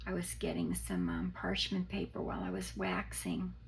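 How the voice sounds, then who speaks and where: With a bass voice and a sing-song lilt, a hoarse, unwell woman hosts a craft tutorial, gently and haltingly talking her way through the demonstration as if thinking aloud. The croakiness sometimes gives way to a papery whisper. Slight background noise is audible.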